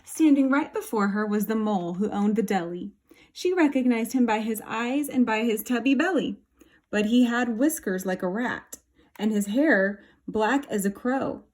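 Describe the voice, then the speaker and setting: A woman reading a rhyming children's picture book aloud with a rhythmic, expressive delivery. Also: fairly high pitch, measured pace.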